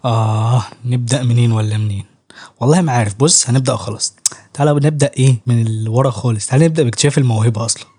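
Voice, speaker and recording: A man's voice: mid-range voice, racing, mellow, slight background noise. A young man with an Egyptian Arabic accent, chatting casually to camera about writing, joking in street slang and laughing often. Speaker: YouTuber giving writing advice.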